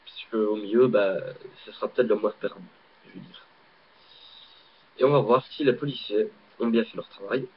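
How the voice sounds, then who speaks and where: Speaking fairly quickly in a lowish, slightly rough voice, a man with a Belgian French accent casually performs a card trick as an amateur magician. The delivery is rambling and hesitant with many fillers, recorded on a laptop webcam mic that yields dull lo-fi audio and faint hiss.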